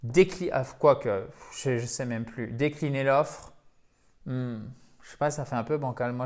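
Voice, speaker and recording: A man teaching English pronunciation, drilling words slowly and emphatically. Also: mid-range voice, darkish tone. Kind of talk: pronunciation lesson.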